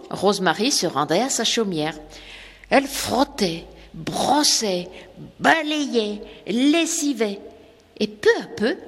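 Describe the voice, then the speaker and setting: Expressive woman telling a children's story. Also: mid-range voice, big-room sound. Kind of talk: storytelling narration.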